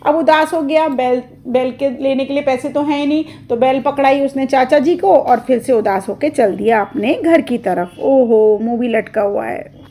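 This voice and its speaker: A woman's voice: high voice, normal speed, warm tone. A woman tutor who reads each line of a story and then explains it in a lesson.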